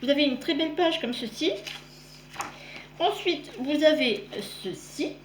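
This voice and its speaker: Middle-aged woman, casual crafting vlogger, higher pitch, halting delivery, echoey room with a faint hum behind. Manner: chatty, halting, many fillers and self-corrections. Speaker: crafting vlogger showing her gifts. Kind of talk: casual show-and-tell.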